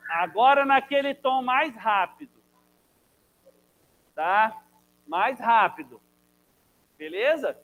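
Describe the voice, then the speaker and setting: A man's voice: extremely high pitch, expressive, slow pace, pauses often, fairly bright tone, low-quality recording. A man teaching a chemistry class in Brazilian Portuguese, energetically drilling students through a chanted mnemonic. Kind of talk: classroom lesson.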